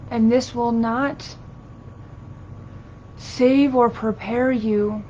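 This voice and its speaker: A woman channeling as a seance medium, giving a solemn spiritual sermon in formal, archaic, halting phrases as a collective "we". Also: steady tone, mellow. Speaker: trance channeler. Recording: dull lo-fi audio with low rumbling noise.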